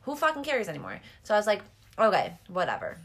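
Talking very fast with big pitch swings, this young podcast co-host has a medium, creaky, fairly bright voice and a slight lisp. She gossips and tells stories candidly, swearing, oversharing and giggling a lot.

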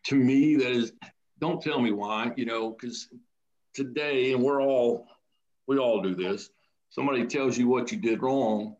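A man, a high school baseball coach telling stories in a casual podcast chat. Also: measured pace, dull audio. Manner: storytelling, animated when quoting kids.

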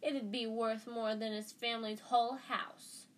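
A woman voicing a scathing, smug schoolboy bully in a storybook, with sneering, drawn-out mockery. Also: fairly high pitch, flat delivery, close to an everyday voice. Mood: smirking.

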